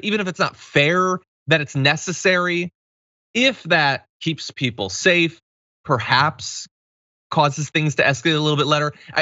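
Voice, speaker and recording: An American man in his thirties hosting conversational news commentary in a measured, hedging way. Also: a little high, sharp tone, no room sound, dull audio. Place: small indoor studio.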